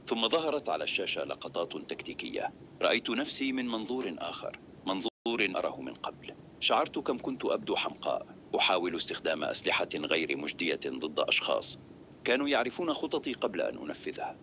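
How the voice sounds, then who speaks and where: A man reading a dramatic first-person story as scripted narration, steady and grave. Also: deep voice, quick pace, a little hiss or hum.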